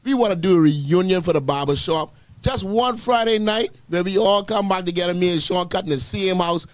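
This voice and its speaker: A man with a high voice trades barbershop banter. He boasts and provokes, circling back over his words, in a dry sound. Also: fairly quick, dry recording, faint music behind. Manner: boastful, provoking, repeats himself. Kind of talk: casual barbershop-style banter.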